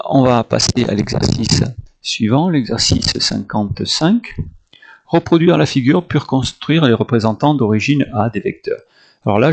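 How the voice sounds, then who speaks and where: A male math teacher talks his students through a homework correction, counting grid squares out loud and pausing to move each step along. His voice has a gravelly, creaky edge and sits at an ordinary middle pitch.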